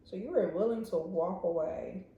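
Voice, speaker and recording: A woman's voice: on the low side, sing-song, moderate pace, vocal fry, dull audio. A woman giving a casual pick-a-card tarot reading, chatty and speaking straight to her viewers with lots of fillers. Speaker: tarot reader. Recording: very echoey room.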